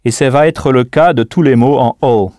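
A man's voice: mid-range voice, normal speed, mellow, no room sound, studio quality. A man teaching a scripted audio language lesson, patient and didactic, prompting the listener to answer.

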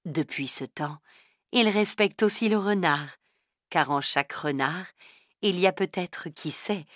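A woman narrating a children's story in a calm, even storybook manner. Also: lowish voice, measured pace, dry recording, studio quality.

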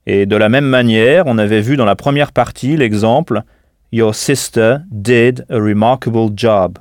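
A man teaching an English lesson in a scripted audio course, speaking in a measured way and spelling words out letter by letter. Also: on the low side, no room sound, studio quality.

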